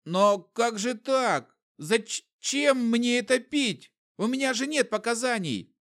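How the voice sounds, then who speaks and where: A man voicing a cowardly old male potion peddler with a hoarse, whining voice, pleading and drawn out. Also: very high voice, animated, slow, fairly bright tone, voice pushed up, heavily acted. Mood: bewildered pleading.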